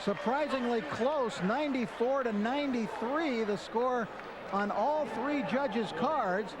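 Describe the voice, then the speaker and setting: A man's voice: very high voice, slow pace. An American man calling a boxing match as the play-by-play announcer in live sports commentary. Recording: loud crowd noise, live arena broadcast. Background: loud fight crowd in arena.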